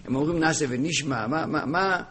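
A man giving a religious text-study lesson. He reads passages aloud in a chanting rhythm, then explains them with rhetorical questions, often halting and repeating words. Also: fairly high pitch, a bit bright. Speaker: religious teacher.

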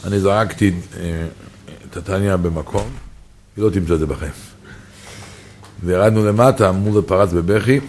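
A man with a lowish voice recounts a personal story with earnest, emotive storytelling. A faint hum of room ambience sits quietly behind him. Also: long pauses.

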